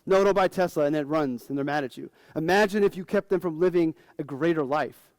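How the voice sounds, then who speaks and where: A man's voice: fairly high pitch, fairly quick, a little mellow, no room sound. A man in his forties, a financial advisor, giving a casual, frank conference talk to fellow advisors.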